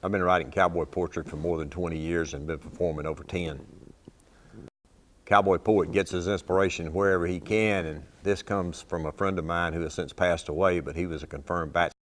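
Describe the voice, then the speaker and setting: A man in his sixties recites rhyming cowboy verse in a low-pitched voice. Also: fairly even intonation, fairly quick, a bit bright. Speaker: cowboy poet. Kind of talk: storytelling poetry recitation.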